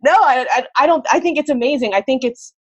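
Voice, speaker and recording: A woman's voice: high voice, quick pace. A woman hosting a podcast interview, asking questions enthusiastically. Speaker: podcast host, coach.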